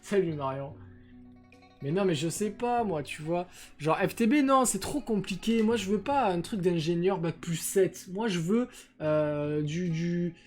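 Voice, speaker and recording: Speaking into a noise-filtered desk mic during a live stream, this young man chats loosely and rambles, full of hesitations and crude slang. His voice is high-pitched and unhurried, with faint music in the background.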